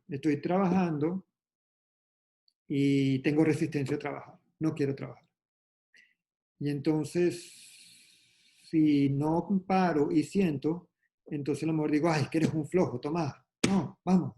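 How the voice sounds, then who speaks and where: A man teaching an online meditation class in a slightly high, mellow voice. He explains slowly and gently, pausing to reflect. The sound is a little dull, as on a video call. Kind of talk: calm spoken meditation talk on a video call.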